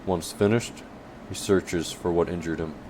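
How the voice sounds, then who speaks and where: A man reading a fantasy novel aloud as an audiobook narrator, measured with occasional self-corrections. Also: deep voice, steady tone, background noise.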